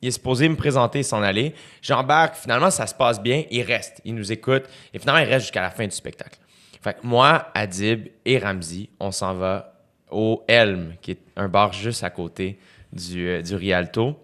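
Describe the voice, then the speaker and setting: A man's voice: lowish voice, moderate pace. Quebec man telling a story. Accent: Quebec French. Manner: animated anecdotes, acts out quotes. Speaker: podcast host. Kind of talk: casual storytelling.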